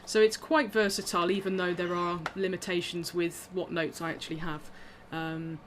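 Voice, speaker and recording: Her pitch sits fairly low and her delivery is flat at a normal speed, with a little hiss or hum on the line. She's a musician on a video call, casually discussing her instruments with frequent ums, little laughs, and self-deprecating remarks.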